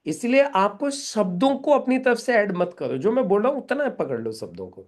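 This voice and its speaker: A man's voice: high-pitched, big pitch swings, normal speed. Male trainer drilling a group. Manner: instructive, drilling the group with questions. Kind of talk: live training session.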